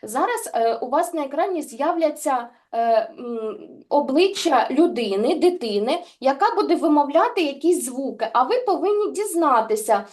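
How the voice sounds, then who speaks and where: High-voiced woman teaching small children. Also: expressive, a little mellow. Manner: slow, exaggerated articulation of sounds; encouraging, praising pupils by pet names. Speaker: speech development teacher. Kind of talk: online lesson for young children. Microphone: video call.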